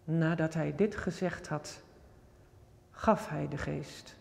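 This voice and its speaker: A man reads scripture aloud in a high, clear register, solemn and reverent. He takes his time over each phrase. The long reverb of a big, resonant room trails behind his words. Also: darkish tone. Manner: measured and reverent, quotes spoken with stronger emphasis. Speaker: scripture reader. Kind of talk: solemn Bible reading.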